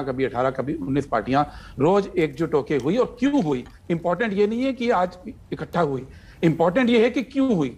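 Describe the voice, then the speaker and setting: A man's voice: on the high side, a little mellow, husky. A man speaking as a party guest in a heated TV debate, insistent and argumentative, citing figures to make his point.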